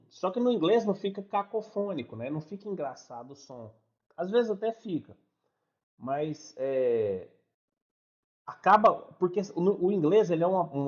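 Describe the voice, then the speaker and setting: A man's voice: fairly high pitch, darkish tone, lo-fi sound. A man teaching an online English class, explaining step by step in a chatty way and checking in with his students.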